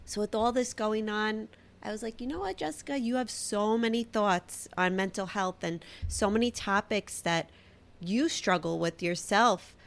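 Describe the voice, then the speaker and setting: A woman in her thirties with a Brooklyn accent talks alone into the mic as a podcast host. Her voice sits at an ordinary middle pitch. She chats loosely and pokes fun at herself. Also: moderate pace, gravelly. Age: 30s. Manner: chatty and self-deprecating. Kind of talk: casual solo podcast talk.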